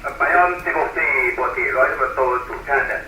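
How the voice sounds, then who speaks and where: A man's voice: medium pitch, quick pace. A man, a police officer, giving terse, clipped coded reports over a walkie-talkie radio in a police roll call. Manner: terse, clipped reports of ranks, numbers and code. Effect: heard over a police walkie-talkie radio. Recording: noisy, echoey two-way radio transmission.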